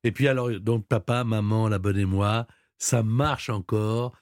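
A man hosting a radio show, presenting a quiz question and interviewing a guest in a brisk, lively way. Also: lowish voice, dry recording, studio quality. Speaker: radio host running a quiz.

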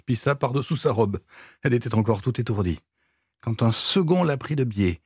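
A man reading a classic novel aloud with measured, expressive storytelling. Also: medium pitch, creaky, breathy edge, dry recording, studio quality. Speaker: reader.

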